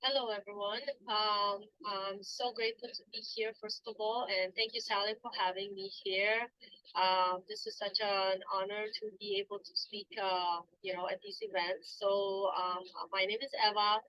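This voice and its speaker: A woman's voice: mid-range voice, steady tone, normal speed, no echo. A woman, answering interview questions as a guest coach, hesitant with many ums and restarts. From Poland. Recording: dull lo-fi dry sound.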